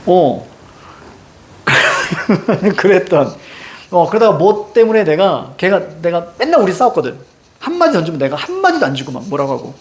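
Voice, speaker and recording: A middle-aged man teaching a class, telling a personal story in a lively, casual way and mixing informal and polite speech. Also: high voice, moderate pace. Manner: animated, switching between casual banmal and polite endings.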